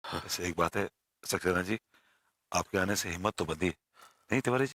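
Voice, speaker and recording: An actor playing a scared, prim man who grumbles low and dry. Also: normal speed, fairly bright tone, dry recording. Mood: relieved. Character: scared, prim man counting feet in bed. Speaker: frightened neighbour in a TV sitcom. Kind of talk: sitcom acting.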